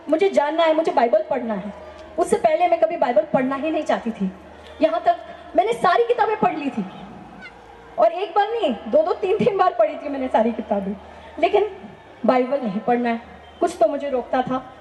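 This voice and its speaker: A woman's voice: sits high, darkish tone, reverberant, dull audio, slight background noise. A woman telling a personal faith testimony in an earnest, emphatic way, often asking rhetorical questions. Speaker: testimony speaker.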